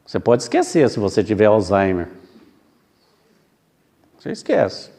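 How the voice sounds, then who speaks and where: A man delivers a spiritist sermon in an unhurried, measured way. His voice is mellow and dark, with a gravelly edge. He keeps posing rhetorical questions to his listeners. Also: lowish voice, wildly swooping pitch. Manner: slow, reflective, rhetorical questions. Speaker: spiritist lecturer. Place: spiritist center hall.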